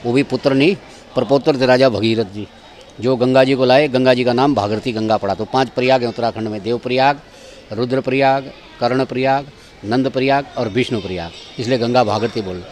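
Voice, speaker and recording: A man's voice: mid-range voice, fairly quick, darkish tone. A man giving a guided tour of temple grounds outdoors, directive as he keeps pointing things out to his visitors.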